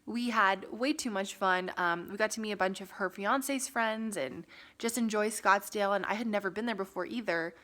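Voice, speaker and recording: A young woman from Las Vegas chatting casually to her camera, full of "like" and "um" and quick laughs. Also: mid-range voice, fairly bright tone. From Las Vegas, USA. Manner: chatty, lots of "like" and "um", laughs often. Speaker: vlogger. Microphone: phone camera.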